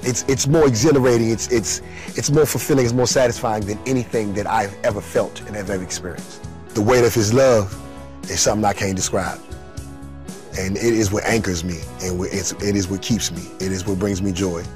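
A young man telling his personal testimony in an earnest, emotional way, with sudden rises in pitch. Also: steady tone, a little fast, a little mellow, faint music behind. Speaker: testimony speaker.

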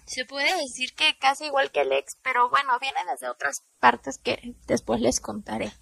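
A young Mexican woman tells a personal story straight to her viewers in a candid, confessional way, full of casual slang. Her voice sits high with a gravelly fry running through it. The sound is dry and close, with no room around it. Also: steady tone, moderate pace, no room sound. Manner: candid, confessional, slangy, soft-spoken at times.

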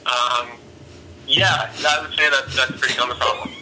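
A man on a phone speakerphone from home, chatting casually in a hesitant, laid-back way with lots of ums and pauses. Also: mid-range voice, sharp tone, a little hiss or hum, poor audio. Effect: heard over a phone speakerphone. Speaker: phone-in guest. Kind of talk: casual improvised chat.

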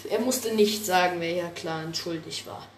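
Woman, storyteller, lively improvised narration, self-corrections, roomy recording. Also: lowish voice, measured pace, far from the mic. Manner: lively, often restarting words. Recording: echoey room, faint background noise.

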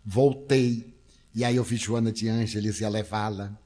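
A man's voice: lowish voice, steady tone, a little slow, warm tone. An older man with a Brazilian accent giving an emotional storytelling lecture on stage. He speaks dramatically and acts out the people he quotes. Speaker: spiritist lecturer. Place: stage before an audience.

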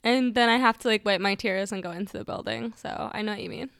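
A young woman co-hosting a podcast in casual chat, animated and full of "like". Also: medium pitch, fast, gravelly, dry recording, studio quality. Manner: chatty, animated, says "like" a lot. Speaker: podcast co-host.

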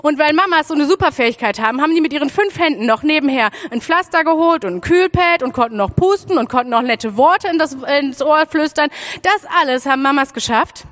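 A young woman from Freiburg giving an animated children's sermon and speaking straight to her listeners. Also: high-pitched, a little fast. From Freiburg, Germany. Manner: animated storytelling, addresses listeners directly.

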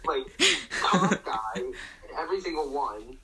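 A man's voice: mid-range voice, lively intonation, a little slow, a crowd in the background, poor audio. A young man co-hosting a casual chat over a video call, teasing and mock-roasting a friend. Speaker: co-host.

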